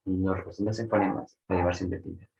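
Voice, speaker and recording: A man with a Peruvian Spanish accent gives a relaxed online language lesson. His voice sits very low with a gravelly fry, and he keeps checking in with students. The recording sounds muffled and lo-fi. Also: quick pace. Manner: explains with frequent checks like "¿no?" and fillers "este". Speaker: language teacher. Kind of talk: online class lecture.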